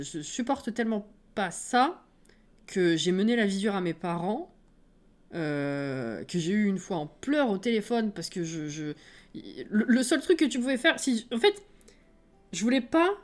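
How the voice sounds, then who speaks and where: A woman's voice: mid-range voice, very animated, a little slow, soft background music. Chatty self-mocking French woman streamer. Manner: chatty and self-mocking, laughing often, rambling with hesitations. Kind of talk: casual live-stream chat, reading and answering viewers.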